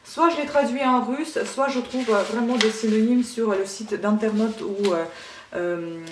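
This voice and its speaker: A woman's voice: on the high side, a little slow, distant mic, background noise. A woman from Ukraine, chatting in a rambling, hesitant way as she reviews books in a casual vlog. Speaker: book vlogger. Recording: roomy room, voice set back from mic.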